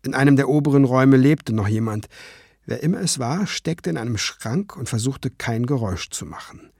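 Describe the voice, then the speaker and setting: Brief: male narrator, animated storytelling, dry close sound. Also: medium pitch, normal speed, gravelly, dry recording. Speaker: audiobook narrator. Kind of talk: scripted narration.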